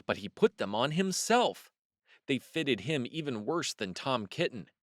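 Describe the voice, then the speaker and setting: A man narrating a children's storybook as a storyteller, expressive and deliberate in his emphasis. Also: mid-range voice, dry recording, studio quality. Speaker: storyteller, host of a read-aloud series.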